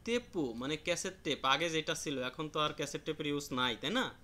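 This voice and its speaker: Bright-voiced man teaching vocabulary. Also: on the high side. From Bangladesh. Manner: repeats each word slowly, with restarts. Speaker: Japanese language teacher. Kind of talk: classroom lesson explaining vocabulary.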